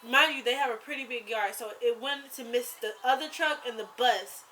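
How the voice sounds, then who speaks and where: Young woman, YouTuber, casual storytelling, lots of "like", bright tone, slightly high voice. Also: normal speed, slight background noise, poor audio. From rural US South. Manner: rambling, animated storytelling with many fillers.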